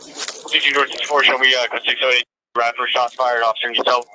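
A man's voice: medium pitch, level tone, brisk, bright, forceful tone, low-quality recording. A male police officer heard over a police radio, calling in codes and a suspect description in a clipped, procedural way. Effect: police radio transmission. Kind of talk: rapid radio call-in.

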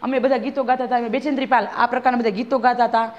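Brief: woman teacher, fast reader, high voice, explains each line to the class. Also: steady tone, lo-fi sound. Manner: reads a line then re-explains it, often asking "બરાબર છે?". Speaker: schoolteacher. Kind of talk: classroom reading and explaining a textbook lesson.

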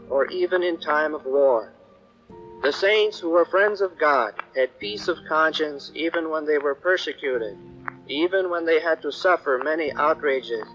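Man, priest from Kansas, old radio recording, somewhat high voice, muffled sound, faint music behind, solemn sermon. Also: fairly bright tone. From Kansas, United States. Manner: measured, solemn preaching with prayer and blessing. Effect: old 1950s radio recording.

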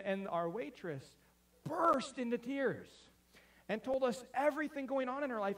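A man's voice: high-pitched, distant mic. A man preaching a sermon as pastor, chatty and self-deprecating, often stumbling and restarting mid-sentence. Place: church sanctuary.

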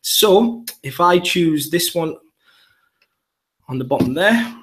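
A man's voice: on the high side, animated, slow pace, a bit bright. A man with a Geordie accent, a primary school teacher, walking through an app demo step by step in an upbeat way. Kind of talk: live app demonstration.

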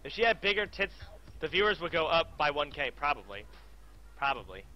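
Excitable, profane male game streamer. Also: fairly high pitch, fairly quick. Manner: excitable, profane, bossy shouting at viewers. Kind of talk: casual live-stream chat.

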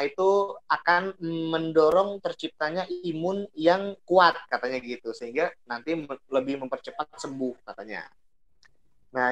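A woman giving a casual religious talk. She repeats phrases for emphasis and swings her delivery expressively. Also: low-pitched. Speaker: religious speaker.

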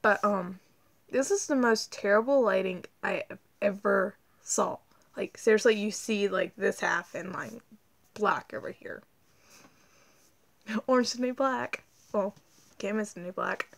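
A young woman, rambling excitedly in a casual vlog to her tablet camera, full of ums and likes. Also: medium pitch, measured pace, creaky, pauses often. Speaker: vlogger. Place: indoors at home, dim room. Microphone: tablet camera held close.

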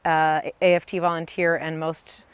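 A woman's voice: sits low, level tone, moderate pace, clear, resonant tone, dry recording. A young woman co-writer of a musical, speaking earnestly and articulately in a documentary interview. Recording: music playing underneath.

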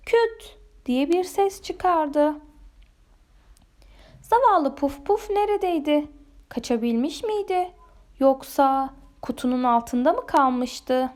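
A woman reads a children's picture book aloud, gentle and expressive. Her voice is high and her pace slow and deliberate, made for young listeners. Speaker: storyteller. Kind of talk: children's storybook read-aloud.

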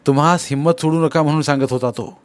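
A man voicing an anxious young man trying urgently to calm a sick elder in an audiobook. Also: on the high side, quick pace, clear, resonant tone, no room sound, pitched above the performer's own voice, natural voice. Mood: reassuring.

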